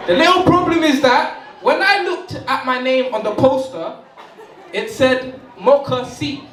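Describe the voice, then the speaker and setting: A man's voice: very high-pitched, measured pace, distant mic. A young man doing a stand-up set in a big hall, slightly tipsy, joking and laughing with the crowd. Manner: playful, laughing, shouting to the crowd. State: a bit tipsy. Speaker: stand-up comedian. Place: stage in a large hall with audience. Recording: echoey hall, mic picked up from afar, loud crowd. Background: audience laughter and cheers.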